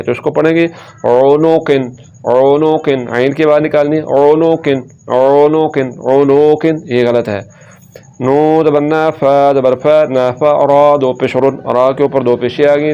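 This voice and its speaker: Man, tajweed teacher, slow repeated syllables, mellow voice, dull lo-fi recording. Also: mid-range voice, clean tone. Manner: patient, repeats each syllable slowly, corrects common mistakes. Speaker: Quran reading teacher.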